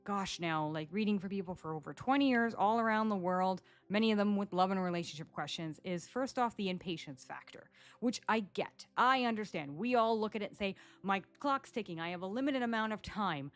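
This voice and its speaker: A woman in her forties hosting a casual solo podcast, chatty and animated, telling stories and acting out what her clients say. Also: mid-range voice, brisk. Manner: chatty, animated storytelling, acts out quoted clients. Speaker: psychic podcast host. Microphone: studio microphone.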